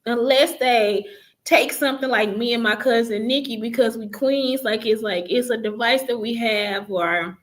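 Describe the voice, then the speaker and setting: Rambling woman telling her story. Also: a little high. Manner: rambling, with many fillers and self-corrections. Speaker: vlogger recounting her life story. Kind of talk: casual first-person storytelling.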